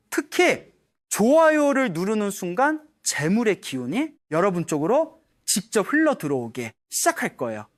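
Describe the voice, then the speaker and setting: A man, presented as a Buddhist monk, gives scripted spiritual advice, coaxing and persuasive, speaking straight to the listeners. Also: high voice. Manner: lively, swooping intonation.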